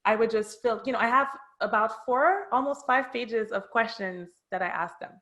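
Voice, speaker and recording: Higher-voiced woman with a French Canadian accent. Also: normal speed, fairly bright tone. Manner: chatty, often checks in with "right?". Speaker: real estate agent, interview guest. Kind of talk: conversational interview, explaining her process.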